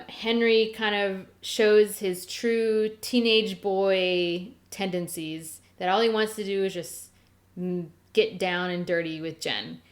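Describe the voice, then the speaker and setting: A woman hosting a podcast, talking through episodes in a loose, chatty way. Her pitch sits mid-range, neither high nor low, and she keeps dropping in casual filler words as she goes. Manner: chatty and conversational, full of 'like' and 'or whatever'. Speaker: podcast host. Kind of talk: casual chat recapping a teen drama.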